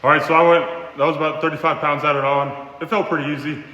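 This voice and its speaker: A man's voice: fairly high pitch, fairly even intonation, quick pace, sharp tone. A young man vlogging his workout in a gym, chatting to the camera and explaining each step as he goes. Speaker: fitness vlogger. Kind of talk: casual workout vlog. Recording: echoey room with long reverb.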